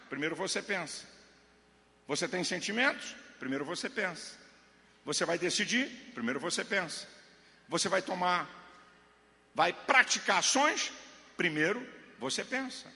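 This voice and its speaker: Pastor man preaching loud then quiet, high voice all over the place, big echoey church. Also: vocal fry. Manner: dramatic preaching, swinging from shouts to low murmurs. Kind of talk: Pentecostal sermon. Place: church with live congregation.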